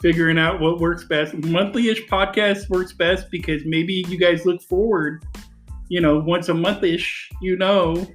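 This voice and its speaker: A man co-hosting a casual podcast, rambling and excitable, with faint music underneath. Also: high voice, unhurried. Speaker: podcast co-host. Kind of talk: casual chat.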